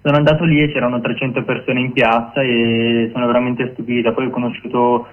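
A man's voice: medium pitch, little pitch movement, fairly quick. A man speaking on speakerphone over a phone line as a guest activist in a radio interview, telling his story plainly.

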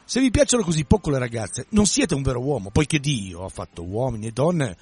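A man voicing a shy, devout young companion in a read-aloud novel scene, speaking gently and earnestly. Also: medium pitch, big pitch swings, fairly quick, slightly rough. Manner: gentle, earnest, hasty to apologize. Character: timid, pious young companion, secretly a girl.

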